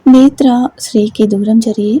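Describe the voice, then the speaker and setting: A woman narrates a serialized love story in a steady, even reading. Her voice is strikingly breathy and husky, with a dark, mellow tone sitting a little high. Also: a little slow, no room sound, low-quality recording.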